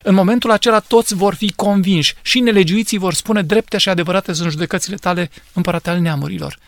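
A pastor with a fairly high voice and a gravelly, creaky texture. He teaches scripture in an earnest, measured way. The sound is dry and close. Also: no room sound. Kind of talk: biblical teaching answering questions.

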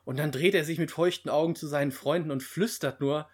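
A man's voice: a little high, a little fast, a crowd in the background. A man in a casual podcast chat, retelling film scenes with enthusiasm. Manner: enthusiastic, animated storytelling.

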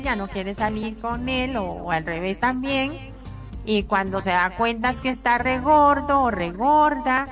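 A woman hosting a talk show, giving relationship advice in an earnest, casual way and piling up points in long, repetitive runs. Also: a little high. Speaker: radio talk show host. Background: background music.

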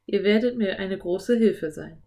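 A woman voicing a kind, mysterious sorceress who speaks calmly and warmly to children in a storybook reading. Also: mid-range voice, measured pace, vocal fry. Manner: calm, mysterious, friendly.

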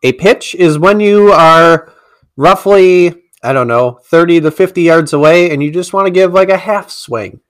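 A man's voice: a little high, moderate pace. A man answering trivia in a casual chat, thinking aloud and hedging before he answers. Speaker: quiz partner.

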